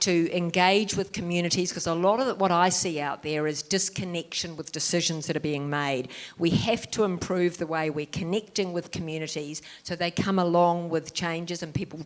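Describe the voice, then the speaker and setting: A woman speaks as a candidate at a public forum in a low voice. Her delivery is measured, with only a few pauses on fillers. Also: fairly even intonation. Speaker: mayoral candidate.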